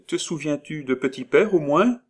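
A sly schemer posing as a sugary old woman, as a male reader puts her on in a storybook reading. The voice is lifted well above his own and coaxes with a sing-song sweetness, lively and bobbing in pitch. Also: moderate pace, husky. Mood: coaxing. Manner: wheedling, sweet-talking a child. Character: crafty man posing as a coaxing old woman. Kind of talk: audiobook character voice.

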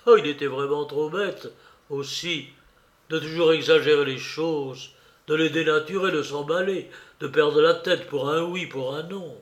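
A man reading a literary novel aloud in a measured, expressive way. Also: fairly high pitch. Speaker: audiobook narrator.

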